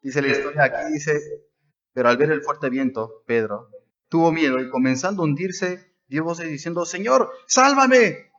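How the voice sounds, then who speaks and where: A male pastor preaches a sermon with a fairly high voice, leaning hard on key words and then letting his voice sink low for emphasis. The recording sounds dull and muffled, like a lo-fi capture of a church service. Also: moderate pace. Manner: emphatic, rising and dropping for stress.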